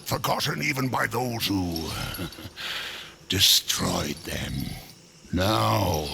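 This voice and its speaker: Loud music plays under this low, creaky male voice, with slight background noise too. He acts out a sly undead merchant, last survivor of a burned race, in an exaggerated video game cutscene, sounding wry and brooding while he sighs, chuckles, and speaks unhurriedly and knowingly.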